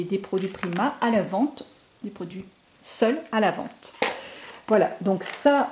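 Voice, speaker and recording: A woman's voice: medium pitch, dark tone, slight background noise. A French woman talking through a scrapbooking haul for her viewers, chatty and enthusiastic, with lots of fillers and restarts. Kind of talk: casual product haul talk to viewers.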